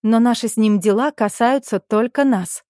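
A woman narrating an audiobook in the first person, in a measured, quiet, reflective manner. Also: on the high side, no echo, studio quality.

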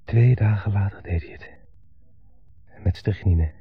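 A gravelly, husky, lowish male voice performs a heavily acted, unhurried monologue as a bitter son dominated by his mother, brooding and intense. There is no room sound, and the 1970s radio broadcast sounds dull.

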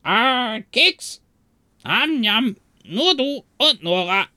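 A man's voice: very high-pitched, lively intonation, very slow, bright, forceful tone, dry recording, studio quality, pitched above the performer's own voice, exaggerated voice. A man voicing a scrawny female parrot named Nora who squawks short clipped words with "arr", in an audio story. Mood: squawking, eager.

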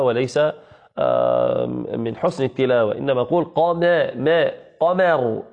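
A man teaching recitation rules in a gravelly voice, patiently repeating key phrases and demonstrating pronunciation. He answers student questions one by one. The audio is dull and lo-fi, like an online class. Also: medium pitch.

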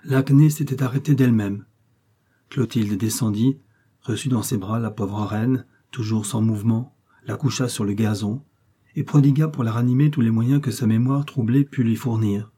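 A man reading a classic novel aloud as narration, in a steady, measured way. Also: mid-range voice, slightly rough. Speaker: audiobook reader.

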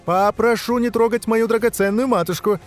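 A man voicing a reckless, cheeky young male nobleman with a playful, mocking manner, pitched high above his own voice. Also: very animated, fast, mellow, breathy edge, soft background music.

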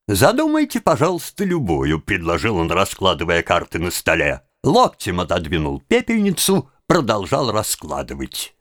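A man reading a literary novel aloud in a measured, expressive way. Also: low-pitched, no echo, studio quality. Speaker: audiobook reader. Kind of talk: literary audiobook narration.

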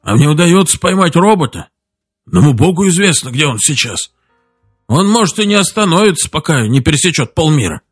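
A man's voice: a little high, big pitch swings, a little fast, husky, dry recording, studio quality, soft background music. A man voicing a skeptical, grumbling older male companion who mutters.

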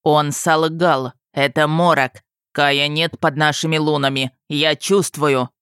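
A woman voicing a menacing, rotting undead dragon who is the narrator's father, slow and gloating, in an audiobook. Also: deep voice, fairly even intonation, a bit bright, clear, resonant tone, no room sound, clean studio sound. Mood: rattled.

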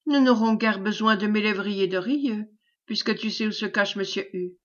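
A woman's voice: mid-range voice, moderate pace, a bit bright, natural voice. A woman reading the part of a brash, greedy male knight who talks boisterously and commandingly, on a dull lo-fi recording.

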